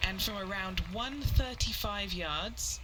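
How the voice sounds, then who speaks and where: A man's voice: sits high, takes it slowly, noisy background. A man playing an on-course golf commentator in a sports video game, giving short updates on a player. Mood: attentive. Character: male on-course golf reporter following a rival.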